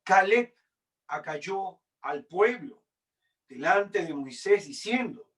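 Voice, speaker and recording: Slow, dramatic male Bible reader. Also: high voice, lively intonation, recorded from a distance. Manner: deliberate dramatic reading with swings in loudness. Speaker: preacher. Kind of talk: Bible reading in a sermon.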